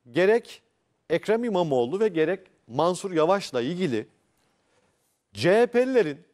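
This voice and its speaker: A man arguing as a journalist on a heated TV panel, insistent and quick to interrupt. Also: sits high, darkish tone.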